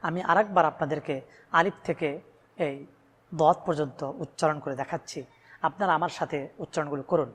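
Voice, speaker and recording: A man's voice: a little high, fairly quick, a bit bright, slightly rough. A man from Bangladesh teaching Quran reading, addressing viewers and stretching out each Arabic letter sound with emphatic repetition. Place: room with a blackboard. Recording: long hall reverb.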